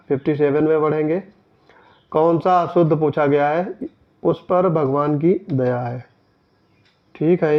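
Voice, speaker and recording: A man's voice: fairly high pitch, lo-fi sound. A male teacher going through mock test questions, reading each sentence and then correcting it in a methodical way. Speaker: exam coaching teacher. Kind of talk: explaining mock test answers.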